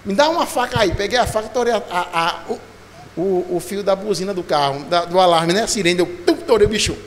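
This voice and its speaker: A male pastor preaching a sermon, telling a lively story and acting out voices and sounds. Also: high voice, fairly quick, slight background noise. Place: church. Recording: church hall reverb, faint ambience.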